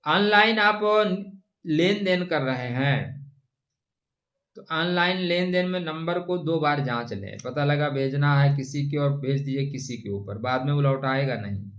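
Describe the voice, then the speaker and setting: A man giving an astrology forecast, advising listeners in a measured way and calling them friend. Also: on the high side, fairly bright tone. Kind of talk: horoscope talk to camera.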